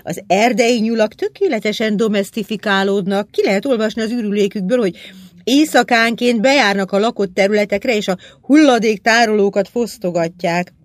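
A reader voicing an excited, eccentric male professor who lectures eagerly in an audiobook. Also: mid-range voice, no room sound, natural voice. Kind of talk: audiobook character voice.

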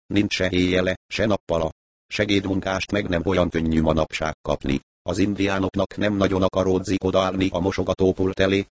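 A man reads a novel aloud in a calm, even audiobook style. His voice is very deep, recorded close and completely dry. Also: no room sound. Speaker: narrator. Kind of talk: audiobook reading.

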